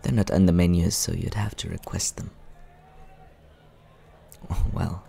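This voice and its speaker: Man playing Scaramouche, a deep, creaky, suave vampire. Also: steady tone, exaggerated voice. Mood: relaxed, explanatory. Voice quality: low, creaky, soft. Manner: unhurried, smooth-mannered, teasing. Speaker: ASMR roleplay performer. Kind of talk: soft ASMR roleplay, addressing the listener.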